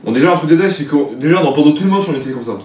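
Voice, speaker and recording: A man's voice: on the high side, expressive, very fast, a little mellow. A young man hosting a casual football match debrief, rambling with lots of filler words and restarts. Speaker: football video debrief host. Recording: echoey room, distant mic, faint noise.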